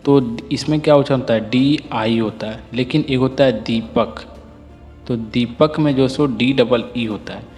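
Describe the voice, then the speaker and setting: A man's voice: mid-range voice, a little slow, a little mellow, soft background music. A man teaching a phonics lesson, who explains patiently, drills word lists and asks listeners to repeat after him. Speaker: English teacher. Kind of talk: classroom-style phonics lesson. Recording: long hall reverb.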